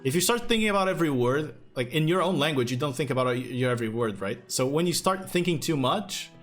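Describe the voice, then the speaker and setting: A young man with a slightly higher voice chats loosely through a livestream, full of ums and restarts as he answers viewer questions. Faint music plays underneath his voice. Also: quick pace. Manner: relaxed, rambling with many fillers and restarts. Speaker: game master and stream host. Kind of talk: casual livestream chat, reading chat questions.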